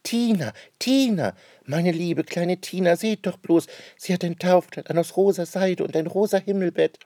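A sweet young girl from a storybook, gushing and tender, her voice lifted very high, as a man puts her on. The sound is dry and close. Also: moderate pace, mellow, dry recording, lightly acted. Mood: delighted.

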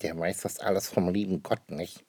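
A man voicing a small excited boy who longs for a puppy, in a storybook reading. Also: lowish voice, moderate pace, husky, no echo. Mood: wondering. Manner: eager, breathless with joy.

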